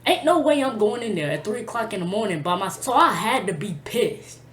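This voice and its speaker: A woman's voice: medium pitch, sing-song, a little fast, a bit bright. Profane woman telling a storytime vlog. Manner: blunt, profane, emotional retelling with slang. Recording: echoey room.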